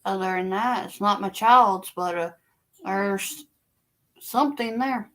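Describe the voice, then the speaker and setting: A woman, a young mother, chatting casually in a bedroom with a slow, teasing, folksy way of talking. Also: mid-range voice, a bit bright. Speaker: mother of the toddler. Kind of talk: casual chat.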